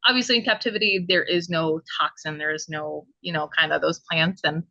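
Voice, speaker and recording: A woman's voice: low voice, steady tone, fairly quick, vocal fry, bright, forceful tone, no room sound, dull audio. A woman talking casually as a podcast guest about her costume work and hobbies, laughing often, on a video call from home. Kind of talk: casual chat. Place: home, indoors.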